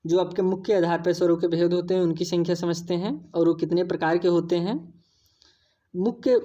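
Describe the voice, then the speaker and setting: A woman's voice: on the low side, dark tone, lo-fi sound. A woman teaching an exam-prep lesson, explaining patiently, repeating key points and addressing viewers as friends.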